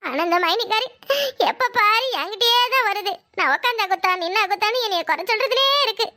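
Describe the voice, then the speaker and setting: A woman voicing a scheming, sharp-tongued young sister-in-law in a Tamil cartoon, speaking with a Kanyakumari Tamil accent. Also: lively intonation, brisk, heavily acted. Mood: indignant. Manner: shrill, quarrelsome, fake-tearful.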